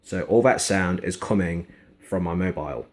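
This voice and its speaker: In a kitchen, a gadget reviewer with a deep voice talks at a normal pace over heavy background noise. He gives a casual, frankly critical review and demo of a product, keeping things conversational.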